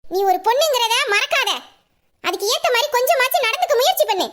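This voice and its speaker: A woman's voice: very high-pitched, expressive, brisk, fairly bright tone. A woman voicing a nagging middle-aged mother who scolds and complains in an audio drama. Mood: scolding.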